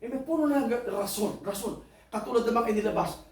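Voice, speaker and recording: A man preaches a sermon in a high voice, emphatic, tossing "right?" at the congregation and breaking into high shouts. He sounds distant from the mic, and the church hall echoes around him. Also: fast talker.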